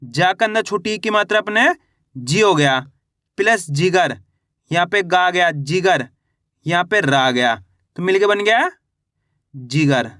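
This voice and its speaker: A man's voice: high-pitched, bright, forceful tone, no room sound, clean studio sound. A man teaching Hindi reading by sounding out each syllable, then saying the whole word, and asking questions that he answers himself. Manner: asks the viewer questions and answers them himself. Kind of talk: slow spelling-out lesson.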